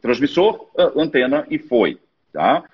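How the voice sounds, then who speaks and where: Raspy middle-aged guy, chatty radio exec, swings his pitch all over, kinda muffled recording. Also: measured pace. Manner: relaxed, chatty, swears casually. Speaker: radio executive guest. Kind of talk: casual interview storytelling. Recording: dull lo-fi sound.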